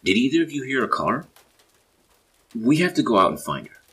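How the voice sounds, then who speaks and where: A man voicing an angry, frantic husband who shouts sternly. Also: medium pitch, big pitch swings, a little fast, husky, pitched above the performer's own voice.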